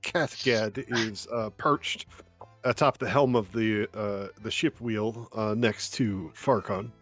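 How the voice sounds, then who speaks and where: Male game master, measured descriptive narration on a call, soft music bed. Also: lowish voice, fairly even intonation.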